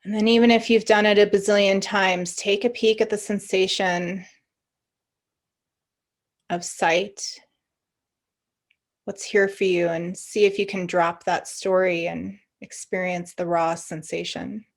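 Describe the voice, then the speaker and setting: A woman teaching meditation guides listeners through it, her instructions gentle and encouraging, with pauses between them. Her voice sits at a medium pitch and her tone stays level.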